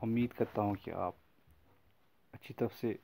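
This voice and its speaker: A man records a lesson for young pupils, speaking in a fairly low register. He explains each word patiently and repeats key points so that children can follow. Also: fairly even intonation, gravelly, dark tone. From Kashmir. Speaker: teacher.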